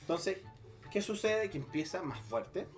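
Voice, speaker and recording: A man's voice: sits high, a little slow, faint music behind. A young man with a Chilean accent, hosting a podcast and telling a crude story with lots of laughter. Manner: crude, laughing, animated retelling. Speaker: podcast host. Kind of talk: casual joking storytelling.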